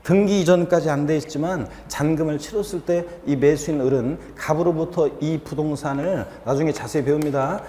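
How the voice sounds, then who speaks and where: A middle-aged male lecturer with a somewhat high but mellow voice, talking in a relaxed, chatty way and turning to his students often. The recording comes from a reverberant lecture hall with a long echo. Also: brisk, few pauses, a little hiss or hum. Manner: chatty, storytelling, addresses students directly. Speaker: real estate tax law lecturer.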